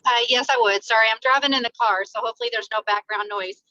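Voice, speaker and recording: A woman's voice: on the high side, quick pace, bright, forceful tone, no room sound. A woman calling in from a car speakerphone while driving, giving a chatty update to a meeting. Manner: chatty, leans on "you know". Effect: talking through a car speakerphone while driving. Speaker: school staff member on a video meeting. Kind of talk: casual update on a group call. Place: inside a moving car. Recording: dull, lo-fi phone line, dry.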